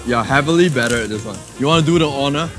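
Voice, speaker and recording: A man's voice: medium pitch, quick pace, fairly bright tone, soft background music. A man hosting a food vlog, chatting eagerly as he tastes dishes at an outdoor night market. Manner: enthusiastic, chatty while eating. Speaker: food vlogger host. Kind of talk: casual food vlog chat.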